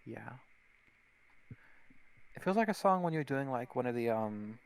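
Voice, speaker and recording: A man's voice: medium pitch, expressive, unhurried, vocal fry, smooth, low-quality recording. A man co-hosting a casual podcast, rambling, swearing and laughing often. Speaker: podcast co-host. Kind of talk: casual chat.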